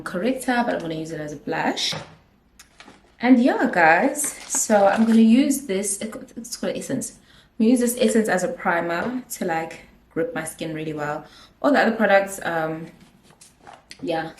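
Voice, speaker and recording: In an echoey room, a young South African woman, a vlogger and makeup artist, chats her way through a storytime while getting ready. Her mid-range voice has a darkish tone, and she giggles often and drops in bits of Zulu.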